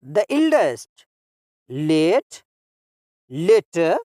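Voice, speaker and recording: A man teaching English grammar to children, drilling each word form slowly and repeating it, then explaining and translating it. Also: high voice, no room sound, clean studio sound. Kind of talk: grammar lesson.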